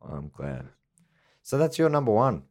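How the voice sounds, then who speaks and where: A man's voice: mid-range voice, wildly swooping pitch, unhurried. A man co-hosting a podcast, playful and mock-serious, stumbling over long words as he reads. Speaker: podcast co-host. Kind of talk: casual comedic chat.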